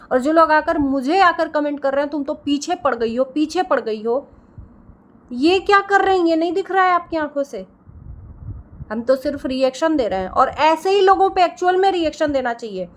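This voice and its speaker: Indignant woman vlogger with a high voice, scolds hard and hammers her points by repeating them. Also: expressive, normal speed. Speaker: reaction video creator. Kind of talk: heated reaction rant.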